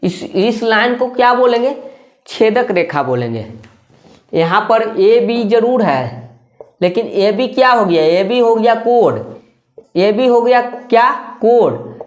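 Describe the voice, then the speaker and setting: Maths teacher, mid-pitched, repetitive and patient, keeps asking the class questions; slightly muffled lo-fi sound. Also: animated, slow pace. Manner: repeats key terms and asks rhetorical questions; checks in with tag questions. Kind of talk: classroom-style explanation.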